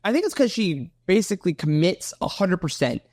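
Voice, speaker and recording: A man's voice: sits high, brisk, dry recording, clean studio sound. A man co-hosting a podcast, chatting casually in a playful, joking way. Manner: playful and jokey, animated storytelling. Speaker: podcast co-host. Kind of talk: casual chat.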